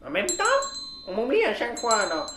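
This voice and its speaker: Plaintive tiny dwarf, swoopy high voice, audio drama, roomy. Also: female voice, wildly swooping pitch, fairly quick, a bit bright. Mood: plaintive, sulky. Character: small forgotten dwarf with bell hat, plaintive. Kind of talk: French audio drama acting. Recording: echoey room, faint noise.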